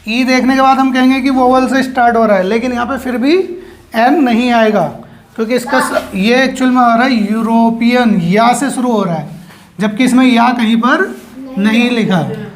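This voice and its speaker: A woman's voice: on the high side, a little hiss or hum. A woman teacher, giving a grammar lesson to children in a classroom. She asks questions and answers them herself, stretching out key words. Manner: drawn out, slow words for emphasis.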